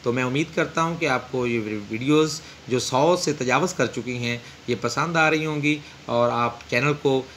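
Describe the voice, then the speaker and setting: A man teaching an English textbook lesson, reading English slowly and explaining in Urdu with frequent pauses. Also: medium pitch, fairly bright tone, a little hiss or hum.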